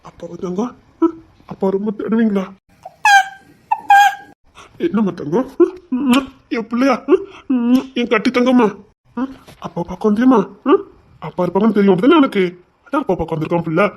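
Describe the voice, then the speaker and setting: A woman's voice: mid-range voice, lively intonation, dull audio, slight background noise, close to an everyday voice. A woman with a Tirunelveli Tamil accent playing a stubborn, doting male police officer who coos at his baby in a comedy skit. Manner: fast, soft cooing baby talk.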